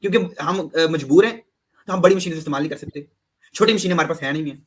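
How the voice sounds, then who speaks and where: A man's voice: fairly high pitch, fast talker. A man with a Pakistani Urdu accent giving sarcastic, mocking cricket commentary. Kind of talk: opinion commentary.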